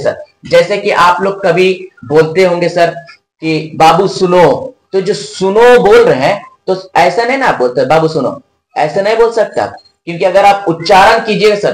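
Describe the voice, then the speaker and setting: High-voiced male teacher, echoey room. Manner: asks a question, then answers it himself; slow, drawn-out demonstration of sounds. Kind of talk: grammar lesson.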